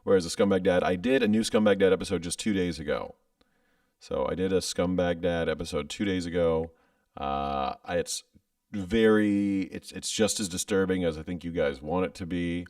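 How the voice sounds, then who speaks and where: This content creator, a man in his thirties, speaks in a low-pitched, darkish voice at a moderate pace while streaming live from home. His chat is casual, rambling and hesitant, full of restarts, picked up by a studio microphone with headphones. The sound is dry and the mic distant.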